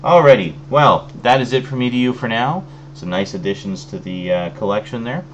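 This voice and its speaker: This video host has a mid-range voice and an ordinary pace, chatting through an unboxing of his latest film discs. Slightly congested from a cold, he wanders along easily with lots of fillers, ums and false starts. The recording is rough, with faint hiss or hum.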